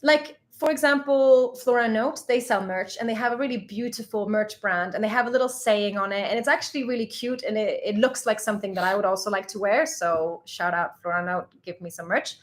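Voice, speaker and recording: Reading viewer questions aloud during a travel channel's live Q&A, this Swedish co-host, a native speaker, talks in a brisk, medium-pitched voice with few pauses. She's chatty and quick to laugh.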